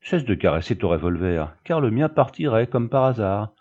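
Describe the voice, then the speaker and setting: A man's voice: lowish voice, sing-song, normal speed, a little mellow, muffled recording. A man voicing a haggard, bitter young man who talks back with defiance and mockery. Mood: defiant. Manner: defiant, mocking.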